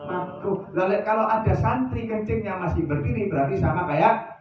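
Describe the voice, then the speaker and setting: Echoey preacher man, animated teaching. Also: high voice, moderate pace, a little hiss or hum. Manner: animated, rhetorical questions with "hah?". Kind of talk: religious study lecture. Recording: echoey, distant, dull lo-fi sound.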